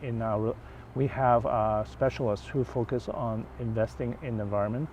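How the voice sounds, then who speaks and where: An older man from Hong Kong, a financial advisor giving an interview in the woods, thoughtful and halting, often restarting his phrases. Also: mid-range voice, steady tone, a little mellow. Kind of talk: outdoor interview chat. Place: outdoors in the woods. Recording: dull lo-fi outdoor audio, faint noise.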